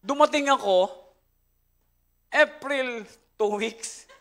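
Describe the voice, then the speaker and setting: Filipino male pastor, high voice, slow storytelling sermon with laughs, Taglish. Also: fairly bright tone. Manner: storytelling, laughing often, mixing English into Tagalog. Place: church service.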